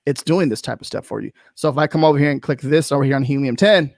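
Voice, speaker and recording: A man hosts a casual interview over video call, talking fast in a creaky, gravelly voice at a normal pitch. His speech rambles, with restarted sentences and lots of fillers, captured in a dry, close recording.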